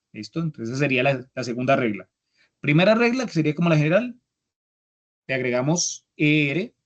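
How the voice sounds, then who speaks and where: Man, young adult, instructor, patient, repeats steps, asks "listo", slightly raised pitch. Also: dull audio. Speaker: English instructor. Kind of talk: online class explanation.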